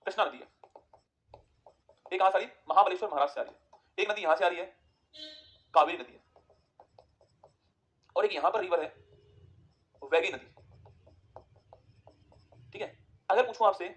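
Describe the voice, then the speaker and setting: High, fast-talking teacher. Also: male voice. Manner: quick, repetitive questions to students, then answers them himself. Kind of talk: online exam-prep geography lesson.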